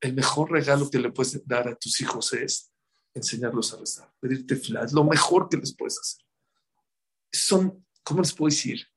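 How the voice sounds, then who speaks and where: A man's voice: mid-range voice, moderate pace, slightly rough. A man giving a religious talk, telling stories and repeating words for emphasis. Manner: storytelling, acting out quotes, repeats words for emphasis. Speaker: religious speaker. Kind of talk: sermon.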